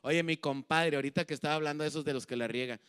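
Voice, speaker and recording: High-voiced comedian telling bar jokes. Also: male voice, very fast, fairly bright tone, clear, resonant tone. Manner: bawdy, rambling, slangy storytelling.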